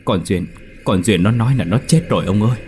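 A man's voice: low-pitched, fairly quick, over music, close to an everyday voice. A man voicing a grieving elderly mother who pleads and weeps in a ghost story. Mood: wailing. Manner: tearful, pleading. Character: grieving old mother, wailing.

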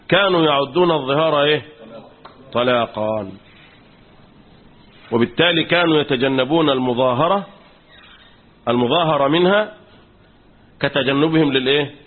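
Husky Egyptian sheikh quizzing his class. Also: on the high side, moderate pace, pauses often. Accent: Egyptian Arabic. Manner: quizzes the class with fill-in questions. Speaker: sheikh teaching Quran commentary. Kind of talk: classroom lecture. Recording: tinny phone-like recording.

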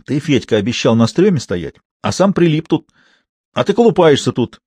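A man's voice: medium pitch, very animated, normal speed, darkish tone, no echo, voice pushed up. A man voicing a grumpy, irritable drunk young male thief who snaps in coarse speech. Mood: irritated. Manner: gruff, snapping, coarse.

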